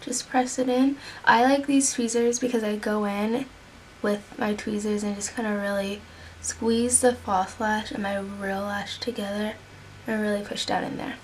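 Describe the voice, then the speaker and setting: A woman's voice: medium pitch, flat delivery, unhurried, a little hiss or hum. A young woman talking casually through a makeup tutorial at home, chatting while she works and sometimes dropping to a whisper. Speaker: beauty vlogger.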